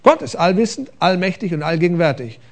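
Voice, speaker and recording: A man preaching a conversational sermon from a church stage, with rhetorical questions and a lively, engaging delivery. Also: high-pitched, fairly quick. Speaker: pastor.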